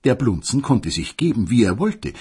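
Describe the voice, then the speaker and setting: A man's voice: medium pitch, sing-song, moderate pace, dark tone, breathy edge. A man reading a humorous tale in an ironic, dramatic way. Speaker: storyteller.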